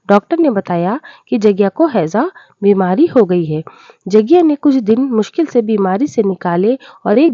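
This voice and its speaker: A woman narrating a moral story in a steady, plain storytelling way. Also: medium pitch, no echo, dull audio.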